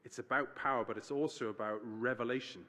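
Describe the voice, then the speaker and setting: A man's voice: mid-range voice, fairly even intonation, fast talker, sharp tone. A man preaching a sermon in church, talking in a conversational way, explaining scripture plainly and correcting himself as he goes. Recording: reverberant church hall.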